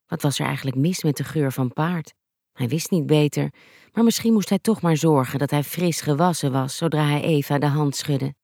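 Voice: mid-range voice, moderate pace, creaky, darkish tone, no echo. Dry, close audiobook narrator. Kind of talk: scripted narration.

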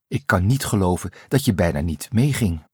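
A man's voice: low voice, animated, normal speed, darkish tone, slightly rough, dry recording, studio quality. A man voicing a glum, wry young boy on a camping trip in a storybook. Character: boy camper, glum but joking.

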